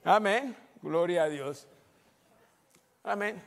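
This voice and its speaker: A man preaching a sermon in a church, telling a joking personal testimony and getting loud and animated at times. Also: sits high, slow pace, creaky. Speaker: pastor. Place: church hall. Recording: long hall reverb.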